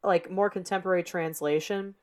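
A young American woman chatting on a podcast in a relaxed, lively way. Her voice sits a little low, and she laughs easily and swears casually. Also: brisk. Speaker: podcast co-host.

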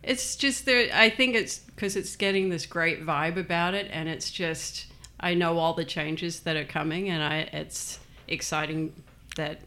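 An Australian woman with a bright, gravelly voice, chatting easily about her business. She sounds relaxed and talkative as an interview guest. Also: on the low side, a little slow. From born in New Zealand, raised in Australia. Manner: chatty, easygoing. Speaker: guest, small business owner. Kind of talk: casual interview conversation.

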